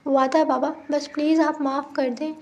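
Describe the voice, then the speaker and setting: A woman's voice: sits high, flat delivery, moderate pace, darkish tone, a little hiss or hum, lightly acted. A woman reading the lines of a tearful young adult daughter pleading with her father.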